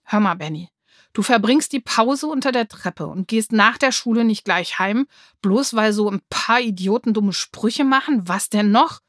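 A woman's voice: mid-range voice, moderate pace, no echo, lightly acted. Lady doing a feisty bossy schoolgirl, impatient and cheeky, storybook reading, dry sound. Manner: challenging, impatient. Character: bold, fiery schoolgirl, bossy and challenging.

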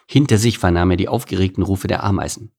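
A man narrating a children's animal story, expressive and playful. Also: sits low, quick pace, gravelly, breathy edge. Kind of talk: storybook reading.

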